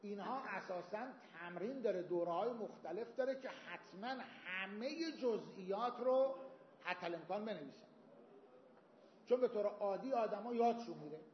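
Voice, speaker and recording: High-voiced man lecturing in echoey hall. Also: animated, slight background noise. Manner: explains with everyday examples, quotes Arabic texts. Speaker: seminary teacher. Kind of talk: Islamic jurisprudence lecture. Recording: echoey hall, dull lo-fi sound.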